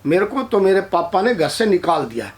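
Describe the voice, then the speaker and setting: The kind, cast-out young hero of a spoken folk tale, voiced by a man. He talks plainly and willingly in a high, ordinary storytelling voice. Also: big pitch swings, a little fast. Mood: kindly.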